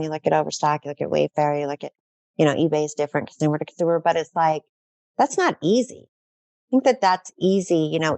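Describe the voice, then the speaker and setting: A woman's voice: lowish voice, darkish tone, dry recording. A middle-aged woman talking as a guest in a casual podcast interview, enthusiastic and effusive, rambling with fillers.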